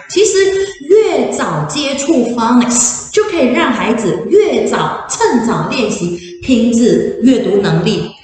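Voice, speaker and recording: Brief: female English teacher, animated presenter quizzing the room, off-mic in a boomy classroom. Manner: switches between Mandarin and English, quizzes the audience. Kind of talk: info session talk to parents and children. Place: classroom with an audience. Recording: echoey room, distant mic.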